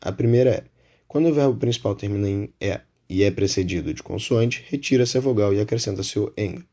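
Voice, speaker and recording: A man with a Brazilian Portuguese accent gives an explanatory lesson in a lowish, steady voice. He talks in a measured way and slows down to spell out each example. The tone stays that of a patient teacher walking through rules. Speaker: English teacher.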